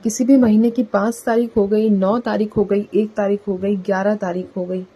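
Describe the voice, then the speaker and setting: A woman talks her viewers through a collective tarot reading in a loose, chatty way, often tagging her sentences with "theek hai". Her voice is mellow and warm, pitched in a middle range. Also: little pitch movement, normal speed, breathy edge, low-quality recording. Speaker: tarot reader.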